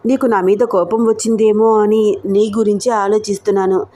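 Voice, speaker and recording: A woman's voice: medium pitch, steady tone, moderate pace, mellow, lightly acted. Woman reading a sulky young college girl. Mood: reproachful. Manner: sulky, reproachful. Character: young woman student, quick-tempered, in love.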